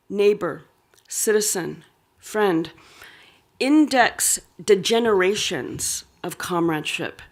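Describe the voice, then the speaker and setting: Woman lecturer, measured reading from a prepared text, mid-pitched voice, academic talk. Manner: reads a prepared text, with asides and fillers. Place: lecture hall.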